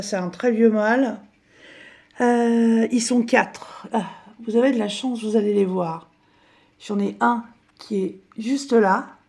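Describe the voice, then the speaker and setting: A middle-aged woman giving a casual tour of her craft room at home, talking in a chatty, halting way with many fillers, her voice slightly hoarse. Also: a little high, a little mellow. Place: dining room at home, indoors.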